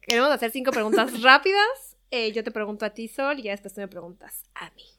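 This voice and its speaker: A woman's voice: on the high side, animated, fast talker, pushed and bright. A woman with a Mexican Spanish accent, co-hosting a casual podcast, teasing her partner in a friendly way and leading the questions. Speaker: podcast co-host. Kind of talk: casual chat.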